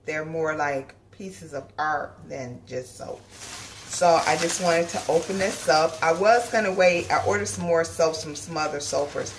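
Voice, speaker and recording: A woman's voice: low voice, measured pace, slight background noise. A woman soap maker chatting casually in a vlog while she has the hiccups, giggling as she talks. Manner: giggly, speaking between hiccups. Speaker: soap maker reviewing a soap order.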